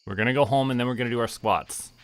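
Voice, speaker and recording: Rattling along at rapid-fire speed, a Canadian gamer with a mid-range voice and clean tone keeps up casual chatter to himself and his audience while he plays on stream.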